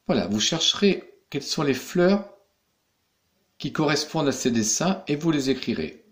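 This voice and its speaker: A man's voice: on the high side, big pitch swings, normal speed. A man teaching young pupils in a recorded lesson, patiently explaining each step. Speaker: primary school teacher.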